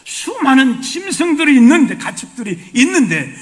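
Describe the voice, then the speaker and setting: A man voicing God as he gently reproves a sulking prophet, with questioning and pleading speech. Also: very high-pitched, big pitch swings, moderate pace, pitched above the performer's own voice. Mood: reproving, pleading.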